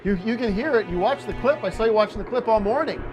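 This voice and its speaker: A man's voice: high-pitched, animated, fast talker, over music. A man hosting a comedic show, pushy and interrupting as he gives direction. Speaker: host.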